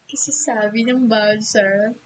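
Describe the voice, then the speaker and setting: A woman's voice: mid-range voice, fairly even intonation, takes it slowly, slight background noise, poor audio. A young Filipino woman co-hosting a podcast, laid-back, chiming in with short replies and frequent laughter. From Philippines. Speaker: podcast co-host. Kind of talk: casual chat.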